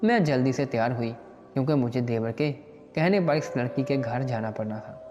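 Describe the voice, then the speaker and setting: A man reading a scripted first-person story as a storyteller, in a steady, earnest way. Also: mid-range voice, normal speed. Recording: dull lo-fi recording with long reverb and faint music.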